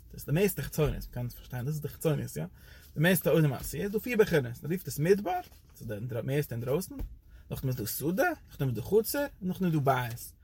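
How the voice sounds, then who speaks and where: Male Torah teacher, somewhat high and husky voice, animated rambling lecture delivery. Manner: animated, pitch jumps up and down for emphasis.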